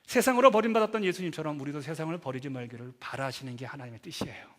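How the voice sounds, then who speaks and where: A middle-aged male pastor giving a dramatic Sunday sermon, swinging from loud acted quotes to hushed asides. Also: fairly high pitch, racing. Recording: long church hall reverb.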